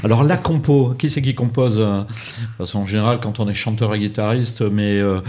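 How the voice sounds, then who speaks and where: A man's voice: lowish voice, moderate pace, darkish tone, a little hiss or hum. A man interviewing a band, rambling with many hesitations and fillers. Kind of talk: casual interview.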